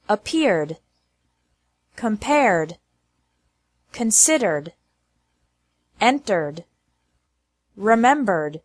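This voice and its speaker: Very slow, carefully enunciating woman teacher. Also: medium pitch, no echo. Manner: deliberate, carefully enunciated single words. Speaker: English pronunciation teacher. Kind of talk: slow scripted instruction, drilling word lists.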